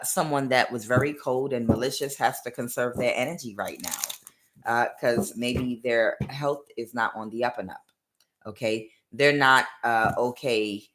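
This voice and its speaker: A woman's voice: a bass voice, a bit bright. A woman giving a rambling spiritual tarot reading, full of "uh" fillers and acted-out quotes. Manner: rambling, many "uh" fillers, acts out quoted voices. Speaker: tarot reader.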